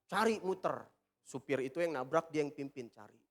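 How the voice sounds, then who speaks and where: A man from Medan preaching a sermon and acting out the dialogue in a story, moving between hushed, gentle passages and loud, excited ones. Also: fairly high pitch, brisk. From Medan, Indonesia. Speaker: pastor. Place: church.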